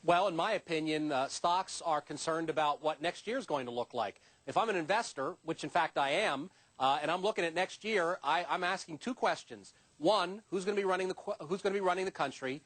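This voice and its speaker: A man's voice: fairly high pitch, fairly quick, hardly any pauses, a bit bright, dry recording. A man appearing as an investment commentator on a business news show, giving his views plainly and with strong opinions. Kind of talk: cable business news discussion.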